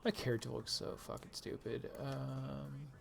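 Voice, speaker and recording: A woman's voice: extremely low pitch, fairly even intonation, a little slow, creaky, a little hiss or hum. A woman live streamer chatting casually while gaming, rambling and self-deprecating and laughing often.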